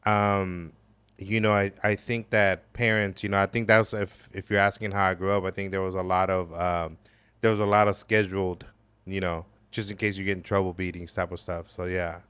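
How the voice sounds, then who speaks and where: A man from El Salvador, a podcast guest, talking reflectively about his upbringing with many pauses and fillers. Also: low voice, flat delivery, a bit bright, clear, resonant tone, no room sound. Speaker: podcast guest, business owner. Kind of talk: casual conversational interview. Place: gallery space.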